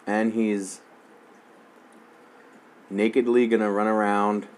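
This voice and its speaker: A man's voice: fairly low pitch, flat delivery, slow. A man chatting casually and crudely while reacting to a movie with friends, often laughing.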